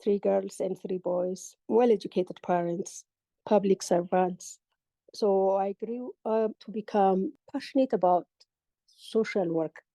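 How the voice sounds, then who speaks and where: A middle-aged Ethiopian woman who manages a coffee business tells her life story as an interview guest, earnest and reflective, retelling events with quoted dialogue. Her mid-range voice is slow and warm. The recording is dry and rough.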